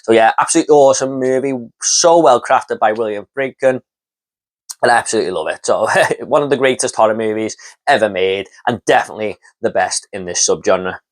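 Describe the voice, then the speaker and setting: A man's voice: lowish voice, brisk. Chatty man rambling through a horror review. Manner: enthusiastic, rambling, with many fillers like "you know" and "and everything"; stutters and repeats words when starting a thought. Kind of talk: casual spoken film review.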